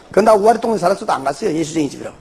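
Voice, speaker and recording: An older man with a Jeolla accent, a church elder telling his testimony in an animated way and tossing in rhetorical questions. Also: sits high, rapid-fire, vocal fry, slightly rough. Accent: Jeolla Korean. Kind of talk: spoken testimony before a congregation.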